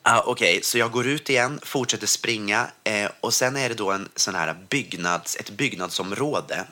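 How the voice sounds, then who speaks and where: A man from Sweden tells a personal story in relaxed conversation. His voice sits a little low but sounds bright and pointed. He talks in a rush, stopping and restarting his sentences. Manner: vivid, tumbling retelling full of restarts. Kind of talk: casual storytelling.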